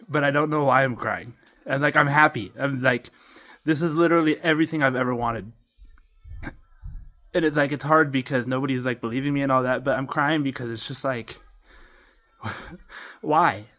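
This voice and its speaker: A man's voice: mid-range voice, steady tone, moderate pace, pauses often, bright, forceful tone. A man rambling fervently and emotionally into a camera he holds at home, speaking in his own casual way. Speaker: self-recording believer. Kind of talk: rambling self-recorded monologue. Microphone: phone or camera he talks into.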